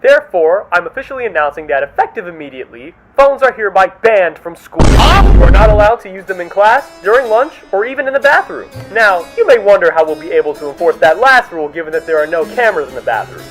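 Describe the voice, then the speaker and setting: A man playing a stern, self-righteous school principal in a comedy skit, speaking formally and with measured authority. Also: high-pitched, big pitch swings, faint music behind, rough recording. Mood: sly, insistent.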